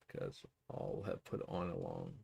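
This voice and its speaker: A man's voice: deep voice, level tone, moderate pace, vocal fry, dark tone, husky, no room sound. A man hosting a trading livestream, rambling through chart commentary while thinking aloud, with plenty of fillers and restarts.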